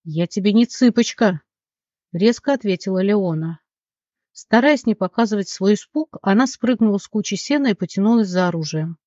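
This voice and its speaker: Reading fantasy fiction aloud at a moderate pace, this audiobook narrator keeps a steady, dramatic delivery with a mid-pitched voice. The sound is close-miked and dry, its highs slightly dull and muffled.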